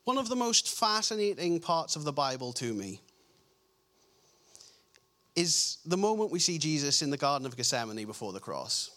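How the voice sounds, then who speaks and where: A man preaches a sermon with big pitch swings. When reading scripture passages, he drops to a lower, softer voice and slows down to stress key lines.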